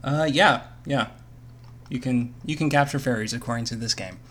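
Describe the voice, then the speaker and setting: A man narrating as game master of a tabletop game, relaxed and unhurried, with plenty of fillers. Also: medium pitch.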